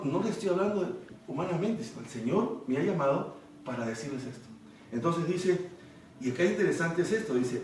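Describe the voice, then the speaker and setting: A man's voice: a little high, a little mellow, slight background noise. A man preaching a Bible study sermon, explaining verses and checking in with his listeners with frequent rhetorical questions. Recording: echoey room, voice from a distance.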